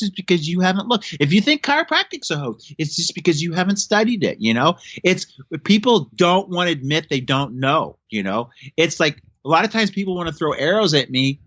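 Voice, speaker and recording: A man's voice: sits high, a bit bright, no echo. A man in his fifties, a chiropractor guest on a podcast, talking emphatically and preachily in casual chat. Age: 50s. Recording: dull lo-fi sound.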